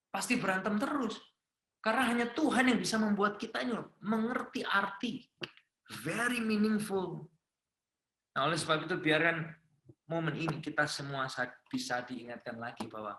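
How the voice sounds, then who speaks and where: A man preaching a sermon as pastor, mixing English phrases into his talk and swinging from loud emphatic peaks to a soft hushed close. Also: medium pitch, echoey room.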